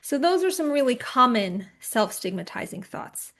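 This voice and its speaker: Higher-pitched woman giving a friendly talk. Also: big pitch swings, moderate pace, a bit bright. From California. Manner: conversational, reassuring, checks in with listeners. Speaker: psychotherapist and author giving a talk. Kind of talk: online presentation to a support group.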